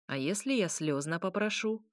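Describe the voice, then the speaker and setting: A woman's voice: fairly low pitch, expressive, moderate pace, no room sound, close to an everyday voice. Casting: woman reading a smug male demon marquis, centuries old, mocking and lordly, dry close sound.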